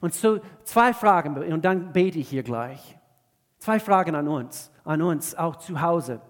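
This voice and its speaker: A male pastor from the southern United States, preaching an earnest sermon in German with many halting restarts. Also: on the high side, animated, long reverb tail. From Georgia, southern USA.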